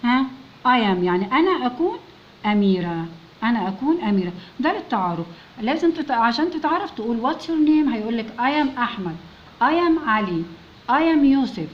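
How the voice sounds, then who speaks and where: A woman with an Egyptian Arabic accent teaching young children, patiently sounding out words letter by letter and coaxing them to answer. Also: fairly high pitch. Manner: coaxing, keeps prompting pupils to answer. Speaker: English teacher. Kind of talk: recorded lesson for young children. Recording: dull lo-fi recording with faint noise.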